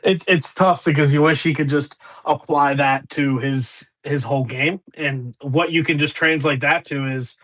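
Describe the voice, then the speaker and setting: A young man with a Pittsburgh accent co-hosts a casual sports podcast. His voice sits a little high with a bright, forward tone, and he talks loosely and laughs easily. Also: moderate pace, few pauses. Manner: laughs often, loose and excitable. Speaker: podcast co-host.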